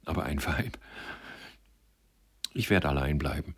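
A man voicing a grieving young man who murmurs quietly and sounds resigned. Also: rumbling low, a little slow, husky, full character voice.

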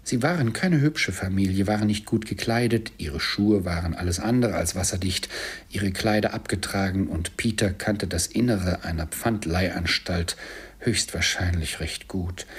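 A man narrating a classic story aloud in a measured, expressive storytelling manner. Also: deep voice, slightly rough. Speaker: audiobook narrator. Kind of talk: scripted narration.

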